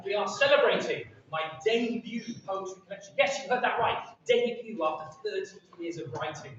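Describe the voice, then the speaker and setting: A middle-aged man from England, a poet chatting with his audience at a live reading, joking and self-deprecating. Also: high-pitched. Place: large seaside pavilion hall with audience. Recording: echoey hall, distant, dull and noisy.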